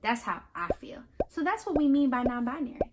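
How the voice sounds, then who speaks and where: Reading a picture book to kids, this female host and teacher has a high voice that swings broadly in pitch as she walks through ideas one step at a time. Lively and instructive, she talks a bit fast and quizzes the listener with easy questions over a noisy background.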